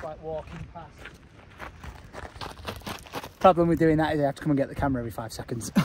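A man's voice: on the high side, slight background noise. A young British man chatting casually as a travel vlogger, with a jokey, exclamatory, slangy way of talking. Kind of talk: casual travel vlog chat.

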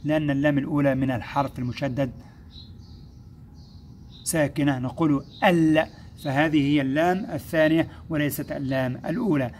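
A man teaching first-grade pupils, explaining step by step, praising them and slowing down to sound out syllables. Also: on the high side, a little mellow, slight background noise. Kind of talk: recorded classroom lesson.

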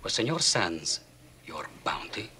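An actor playing a menacing Brazilian police inspector, formal, deliberate and deadpan. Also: male voice, low voice, slight background noise, full character voice. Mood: dry menace. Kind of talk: 1980s TV action drama dialogue. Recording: TV soundtrack with music.

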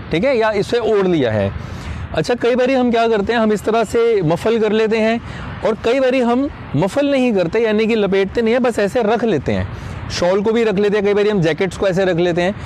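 A young man, a native Hindi speaker, teaching English vocabulary in a casual video lesson, spelling out English examples slowly. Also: sits high, darkish tone, slight background noise. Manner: explains slowly, says English examples deliberately.

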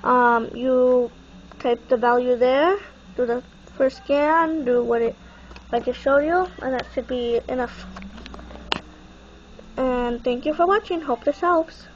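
High-voiced young woman, stuffy nose. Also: takes it slowly, pauses often. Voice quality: stuffy, congested-sounding nasal voice. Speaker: tutorial presenter. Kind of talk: casual unscripted how-to walkthrough. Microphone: handheld phone. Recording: muffled, noisy phone camera recording.

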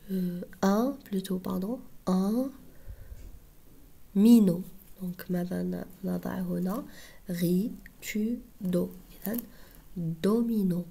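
A woman gives a whispered French lesson for primary pupils. Her voice is breathy and dark, with a gravelly edge. She talks slowly and patiently, drawing out each syllable. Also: lowish voice. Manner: slow, patient, sounds out syllables.

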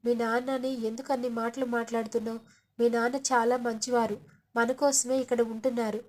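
A woman's voice: fairly high pitch, level tone, a little fast, darkish tone, lightly acted. A woman doing a distressed, pleading mother.

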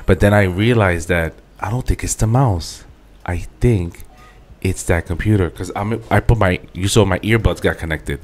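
Male podcast co-host, New York accent, lower voice, quick with a teasing joke. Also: a little mellow. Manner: teasing, joking banter. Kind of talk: casual chat.

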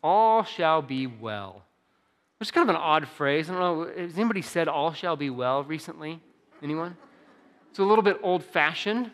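A young adult man preaches a sermon in an easygoing, self-deprecating way, often restarting his sentences. His voice sits a little high for a man. The sound carries the long reverberation of a church sanctuary. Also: a little fast, a bit bright. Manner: conversational, self-deprecating, frequent restarts and fillers. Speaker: pastor.

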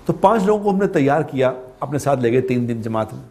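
A man's voice: medium pitch, lively intonation, dark tone. A man from Pakistan giving a religious talk, telling a story with repeated phrases for emphasis. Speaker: preacher.

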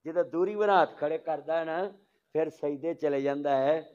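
A man's voice: on the high side, normal speed, a little mellow. A man with a Punjabi accent preaching a sermon, telling stories and voicing their dialogue, calling on the crowd to answer aloud. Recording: dull lo-fi recording.

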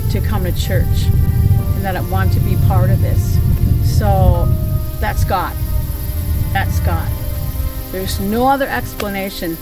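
A woman's voice: mid-range voice, distant mic, poor audio. A middle-aged woman from Red Lake Nation, the pastor's widow, speaking fervently and emphatically about her faith outdoors. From Red Lake Nation, Minnesota. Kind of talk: testimony interview. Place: outdoors by a new church. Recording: voice from off the mic, music underneath.

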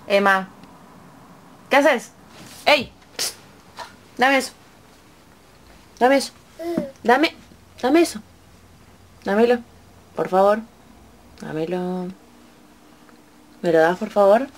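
A woman's voice: medium pitch, slow, long pauses, slight background noise. A woman with a Rioplatense Spanish accent, a mother who is sick and tired, coaxing her baby in singsong baby talk on a home video.

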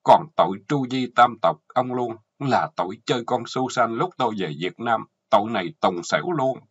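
A man's voice: mid-range voice, animated, moderate pace, husky. A man with a Southern Vietnamese accent voicing a furious, vengeful middle-aged wife who scolds and threatens. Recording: dull lo-fi audio.

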